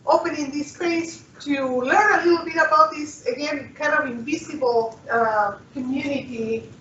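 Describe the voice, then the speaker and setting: A woman's voice: high voice, moderate pace, fairly bright tone, slight background noise. A woman from Peru gives an earnest talk to an audience as a cultural anthropologist, often restarting and checking in with "right?". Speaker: guest speaker, cultural anthropologist. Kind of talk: presentation to an audience. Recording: dull, roomy, distant recording.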